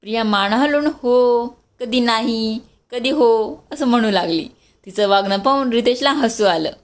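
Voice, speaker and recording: A woman storyteller reads a serialized family story. Her voice sits a bit high, and she keeps a steady, plain narrating pace. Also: fairly quick.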